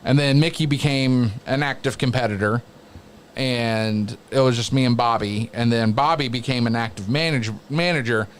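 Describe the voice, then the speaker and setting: A man who works as a wrestling announcer, chatting casually as an interview guest in a halting, reflective way. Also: medium pitch, a little hiss or hum.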